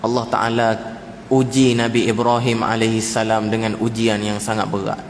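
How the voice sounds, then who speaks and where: Malaysian Malay preacher in an echoey mosque hall. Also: male voice, moderate pace, a little hiss or hum. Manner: jokey, animated, mimics greetings in high voices; repeatedly addresses audience as tuan-tuan. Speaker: mosque lecturer. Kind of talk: mosque lecture.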